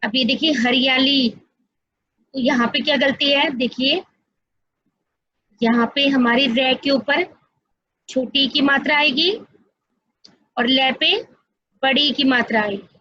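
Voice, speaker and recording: Woman teacher, high voice, patient step-by-step explaining, dull dry lo-fi recording. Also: slow, pauses often, sharp tone, dry recording. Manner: patient, explains step by step, addresses children often. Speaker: school teacher. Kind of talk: online Hindi class for young children.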